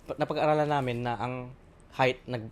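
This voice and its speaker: A man's voice: medium pitch, fairly even intonation, normal speed, smooth. A man from the Philippines chatting casually on a podcast, telling stories with plenty of fillers. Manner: chatty, storytelling, many fillers. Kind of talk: casual chat.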